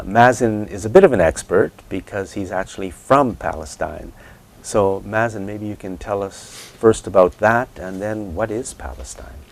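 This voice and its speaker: A man's voice: on the low side, gravelly. A man hosting an interview who introduces his guest and asks short, plain questions.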